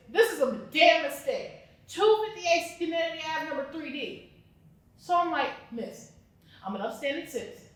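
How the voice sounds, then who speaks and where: A woman's voice: sits high, fairly bright tone. A young woman acting a monologue as a defiant mother facing eviction, talking bluntly and profanely and flaring into outrage. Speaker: student actor. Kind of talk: dramatic monologue. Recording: very echoey room, mic far off.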